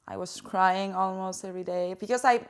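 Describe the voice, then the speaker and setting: A woman's voice: medium pitch, steady tone, brisk, clear, resonant tone. A young woman from Spain, an international student, speaking emotionally in a documentary interview and often stopping to search for her words. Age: young adult.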